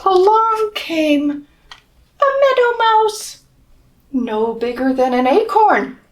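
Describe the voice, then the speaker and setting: A woman reading a children's storybook aloud in an expressive way, as if to young listeners. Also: extremely high pitch, extremely slow, recorded from a distance. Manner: expressive, asks listeners questions, drops to whispers. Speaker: storybook reader. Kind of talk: children's picture book read-aloud.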